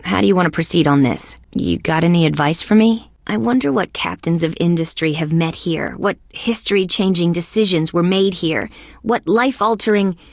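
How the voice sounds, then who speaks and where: In scripted video game dialogue full of detective banter, a woman voices a tough, wisecracking female insect police detective with wry, sardonic delivery. Her voice is lowish and gravelly at a normal speed, captured as clean studio sound without echo.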